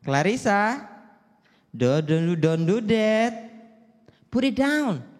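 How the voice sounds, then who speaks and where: A man imitating a posh young father who coaxes his little daughter in a soft, overly patient way. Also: high voice, sing-song, extremely slow, voice pushed up, heavily acted. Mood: coaxing. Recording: echoey hall.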